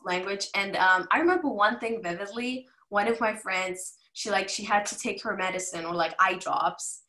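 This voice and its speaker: A young woman from Russia talking as an interview guest, relaxed, with lots of "like" and "kinda". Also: mid-range voice, moderate pace, reverberant, poor audio. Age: young adult. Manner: relaxed, many fillers like "like" and "kinda". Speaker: guest, former student. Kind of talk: casual interview chat.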